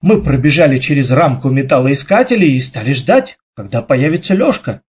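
A man narrating a children's story aloud with lively, dramatic storytelling. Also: medium pitch, moderate pace, slightly rough. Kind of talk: expressive children's audiobook reading.

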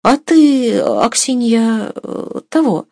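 A woman voicing a proud, playful young merchant's wife who teases in bright, raised exclamations. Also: on the high side, very animated, a little slow, vocal fry, pitched above the performer's own voice, exaggerated voice. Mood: curious.

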